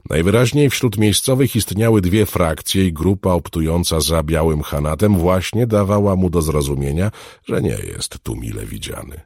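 A man with an extremely deep, husky voice reads a fantasy audiobook, his pitch rising and falling with lively expression. The sound is dry and close, with no room around it. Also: moderate pace, no room sound. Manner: expressive storytelling. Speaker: audiobook narrator. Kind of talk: scripted fantasy narration.

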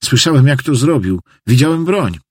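A shaken church janitor in a spoken story, insisting on what he saw, as a male narrator puts him on. The voice sits higher than the narration, husky and earnest, recorded dry and close. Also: lively intonation, normal speed, no room sound. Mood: frightened.

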